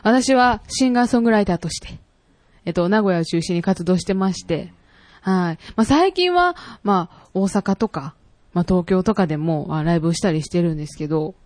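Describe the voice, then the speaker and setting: A woman singer-songwriter with a Kansai accent, chatting in a friendly way and quick to agree. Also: fairly low pitch, lively intonation, darkish tone, no echo. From Kansai, Japan. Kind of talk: casual chat.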